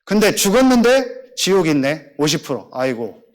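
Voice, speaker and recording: A middle-aged male pastor, preaching a sermon and acting out the voices in his stories. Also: moderate pace. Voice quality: animated storytelling, acting out dialogue in lower voice.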